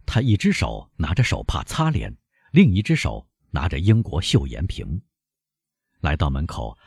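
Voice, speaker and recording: Husky-voiced male audiobook narrator. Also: low voice, dry recording, studio quality. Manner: expressive, dramatic.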